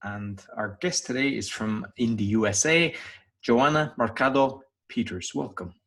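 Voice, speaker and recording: A man hosts a podcast interview in an easygoing, unscripted manner. His voice sits at a medium pitch. He mostly reacts briefly and then asks open questions. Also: a little slow, fairly bright tone, low-quality recording. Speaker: podcast host. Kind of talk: casual interview hosting.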